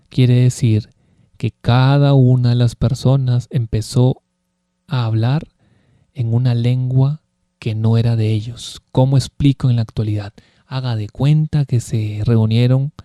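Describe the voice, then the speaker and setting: A man's voice: medium pitch, mellow, clear, resonant tone, no echo, clean studio sound. A man giving a Bible teaching sermon, emphatic and full of rhetorical questions. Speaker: preacher.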